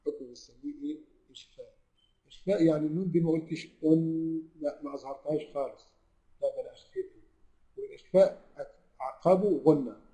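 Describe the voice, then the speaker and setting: A man with an Egyptian accent teaching tajweed to an online class, who puts questions to his students, answers them himself, and draws the recited verses out slowly. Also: fairly high pitch, dark tone, rough recording. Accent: Egyptian Arabic.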